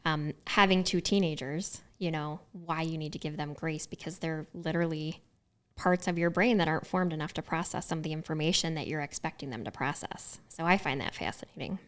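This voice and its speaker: Deep-voiced middle-aged woman explaining. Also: brisk, fairly bright tone. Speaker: podcast co-host, therapist. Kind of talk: casual podcast chat.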